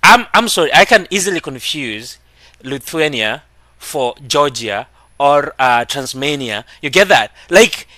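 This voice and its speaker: A Kenyan man hosts a casual reaction video, talking animatedly and laughing whenever he makes a point. His voice is on the high side, his pace measured, and the recording dry.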